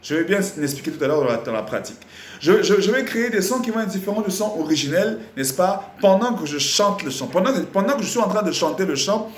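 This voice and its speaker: A man teaching a live singing lesson, explaining slowly and repeating himself with many fillers, breaking into short sung examples. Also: sits high, animated, roomy sound, slight background noise. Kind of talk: live online music lesson.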